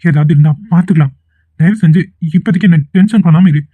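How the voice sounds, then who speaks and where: A man's voice: high voice, a little fast, no echo, narrow, tinny audio. A man voicing an impatient, dismissive young male college student in a cartoon. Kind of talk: cartoon voice acting.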